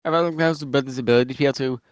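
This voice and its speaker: A man's voice: medium pitch, fairly even intonation, racing, dry recording, studio quality. A man chatting casually about fictional lore, rambling with lots of fillers and restarts while eating, so he sounds slightly muffled. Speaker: guest worldbuilder.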